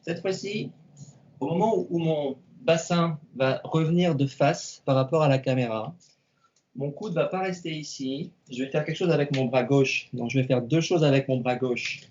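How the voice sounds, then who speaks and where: A karate instructor teaching an online class to camera, giving slow, repetitive cues and counting out the moves. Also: male voice, fairly high pitch, a little mellow, slight background noise. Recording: roomy, distant, dull sound.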